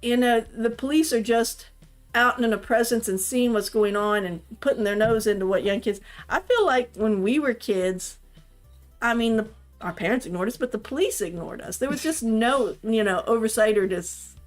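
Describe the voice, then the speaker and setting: A middle-aged woman from the Washington, D.C. area, the streamer's mother, chats casually about raising kids in a slightly high voice at normal speed, with faint music behind her. She rambles and thinks aloud, dropping in plenty of "you know"s.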